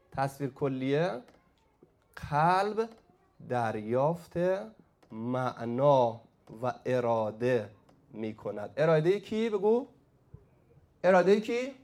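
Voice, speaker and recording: A man's voice: on the high side, a little mellow. A man teaching a classroom lesson at the board, often prompting students to call out the answer. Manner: prompts the class with "say it" and quizzes them. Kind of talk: classroom lecture at a whiteboard.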